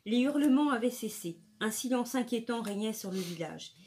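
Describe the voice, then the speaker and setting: A woman reading a novel aloud in a steady, clear storytelling manner. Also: a little high, normal speed, slight background noise. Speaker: audiobook reader.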